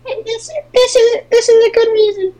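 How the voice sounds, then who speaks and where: A very high, pitched-up voice in a comedy podcast sketch, speaking in a joking, deadpan way. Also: female voice, moderate pace, a crowd in the background.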